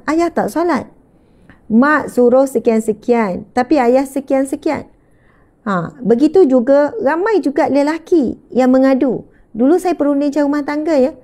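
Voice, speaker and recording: A woman's voice: high-pitched, darkish tone. A middle-aged woman giving a religious lecture, telling stories emotively with frequent pious exclamations. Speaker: religious teacher (ustazah).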